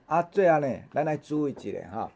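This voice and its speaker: A man with a Taiwanese accent teaching vowel sounds in a recorded lesson, repeating each sound in slow drills with frequent "ha" fillers. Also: fairly high pitch, very animated, creaky, a little mellow. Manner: habitual "ha" fillers between drills. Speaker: language teacher.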